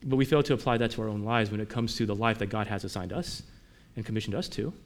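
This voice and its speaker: A man preaching a sermon in a conversational way, moving between emphatic lines and quiet ones, often asking his listeners rhetorical questions. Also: on the low side, quick pace. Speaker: pastor.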